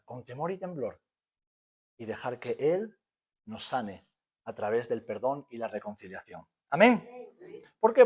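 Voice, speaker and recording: A middle-aged man with a Spanish accent preaches a lively sermon in a church hall, his voice sitting a touch high. He swings from loud emphasis down to a soft hush and keeps putting rhetorical questions to the congregation. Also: breathy edge. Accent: Spain. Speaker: pastor.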